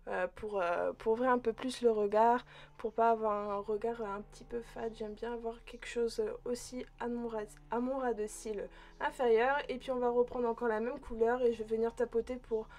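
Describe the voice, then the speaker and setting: A beauty vlogger with a fairly high voice narrates her makeup routine as a casual tutorial, relaxed and friendly at a moderate pace. She hesitates often and chats with her viewers directly, as though they were friends.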